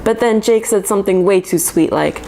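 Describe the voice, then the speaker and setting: A woman's voice: medium pitch, normal speed, creaky, warm tone, slight background noise. A woman in her twenties reading her old diary aloud in a casual, chatty way, embarrassed and poking fun at herself. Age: 20s. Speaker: vlogger reading her old teenage journal.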